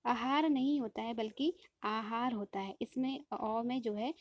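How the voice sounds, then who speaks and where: A woman's voice: on the high side, normal speed, highs cut off. A woman teaching an online exam-prep lesson, explaining each point step by step and checking understanding with "ठीक है?". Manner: patient, repeats "ठीक है?" after each point; addresses viewers as friends, explains rules step by step.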